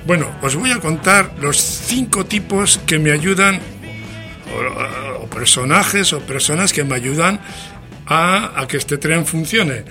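A radio host with an accent from Spain presents his show in a chatty, jocular, theatrical style packed with exclamations, with music playing behind him. His voice is fairly high, animated, and slow.

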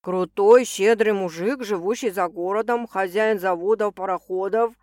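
A woman's voice: mid-range voice, moderate pace, darkish tone, no room sound, lightly acted. A woman voicing a wry, skeptical young woman who jokes with her friends, in a dry recording.

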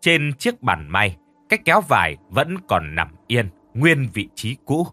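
A man narrating a scripted horror story with dramatic, expressive delivery. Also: medium pitch, unhurried, no room sound. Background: faint music.

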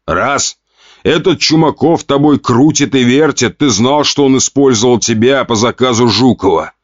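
A man's voice: medium pitch, expressive, moderate pace, no room sound, dull audio, voice pushed up, close to an everyday voice. A man voicing a stern scornful old duke. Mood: angry. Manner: harsh, scornful, mocking. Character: stern powerful male duke, a father scolding his son.

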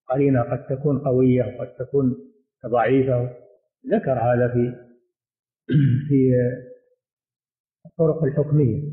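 Man, sheikh, lesson with answers, repeats himself, roomy echo, phone-like sound. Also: medium pitch. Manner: measured, repeats phrases while explaining. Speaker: sheikh teaching hadith commentary. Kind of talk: religious lesson with questions and answers. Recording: echoey room over a tinny phone-like line.

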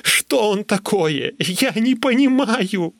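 A man doing a frantic shrill pleading youth. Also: sing-song, normal speed, a bit bright, no room sound, clean studio sound.

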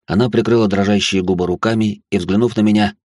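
A man's voice: on the low side, steady tone, fast, a little mellow, no echo, clean studio sound. A man narrating a novel in first person, with a wry, conversational inner monologue. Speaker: audiobook narrator.

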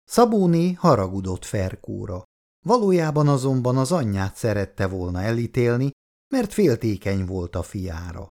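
A man reading aloud an episode recap of a radio family serial, in an animated storytelling manner. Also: medium pitch. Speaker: narrator.

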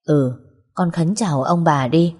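A woman voicing a gentle older mother who speaks slowly and calmly, in a storybook reading with long hall reverb. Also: low voice, husky.

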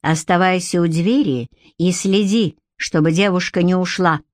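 A woman's voice: lowish voice, normal speed, no echo, clean studio sound, lightly acted. A woman reading the part of a cold, cynical Viking warrior who curtly orders his captive about. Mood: cold commanding. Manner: curt, coolly commanding, cynical.

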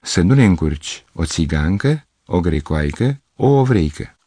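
A man reading an audiobook, voicing a mysterious young woman who speaks in a hushed, secretive way. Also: deep voice, big pitch swings, husky, dry recording, full character voice.

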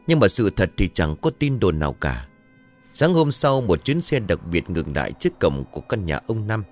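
A male narrator telling a tragic tale with solemn expression. His voice sits low but moves widely in pitch. Faint music plays under him. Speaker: storyteller. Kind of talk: dramatic story narration.

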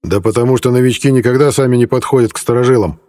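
A man's voice: medium pitch, quick pace, darkish tone, close to an everyday voice. Man doing a grumbling bearded bandit boss. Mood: surly. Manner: gruff, grumbling. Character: rough bearded male bandit leader, surly. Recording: long reverb.

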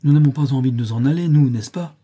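A man's voice: medium pitch, fast, warm tone, husky, close to an everyday voice. A man reading a storybook, voicing a proud, stubborn boy who brags and mocks his friends. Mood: scornful. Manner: bragging, scornful. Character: boastful boy pirate captain, proud and stubborn.

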